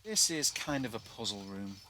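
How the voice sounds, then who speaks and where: A British man with a fairly low, expressive voice and a sharp tone talks at a moderate pace, dropping his T's for glottal stops. He's a video game player giving a walkthrough, chatting casually and poking fun at himself. Noticeable background noise runs under the recording.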